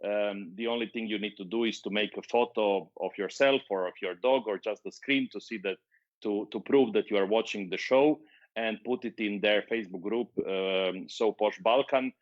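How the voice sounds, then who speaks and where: A man hosting a live-streamed interview, speaking in halting full of fillers and restarts, reading viewer comments aloud. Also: lowish voice. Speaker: interview show host. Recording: dull lo-fi stream audio.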